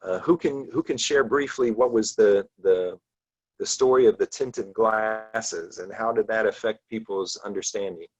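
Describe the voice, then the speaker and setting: A man leads a relaxed book discussion class in a fairly low voice. He rambles, circling back with ums and false starts. The sound is dull and lo-fi. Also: unhurried. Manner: loose, rambling, many ums and restarts. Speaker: class teacher.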